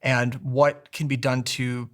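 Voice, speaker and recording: A man in his forties speaks as an interview guest with a mid-range voice. He recounts his background reflectively, pausing to rephrase as he goes. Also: mid-range voice, little pitch movement, a bit bright. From United States. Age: 40s. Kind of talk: personal storytelling in interview.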